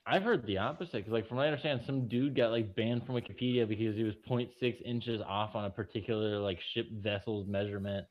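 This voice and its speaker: A man's voice: on the low side, steady tone, brisk, hardly any pauses, lo-fi sound. A man co-hosting a podcast in casual chat, rambling and thinking aloud with many "like"s. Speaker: podcast co-host.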